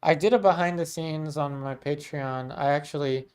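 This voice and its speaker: A man in his thirties from Maryland, USA, teaches painting on a casual livestream, reading viewer comments and thanking people warmly. He is relaxed and chatty, with plenty of ums and restarts. His voice is fairly high and clean, at a moderate pace.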